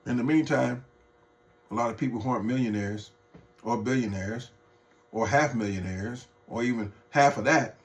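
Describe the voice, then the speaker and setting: A man's voice: medium pitch, normal speed. A man delivering an off-the-cuff political rant to his viewers, heated, mocking and profane, addressing them as folks. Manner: talks straight to viewers as folks. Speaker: political vlogger.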